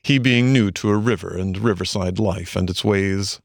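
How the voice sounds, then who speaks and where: A man narrating a storybook in an expressive, measured way. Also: sits low, gravelly, no echo, clean studio sound. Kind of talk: storybook reading.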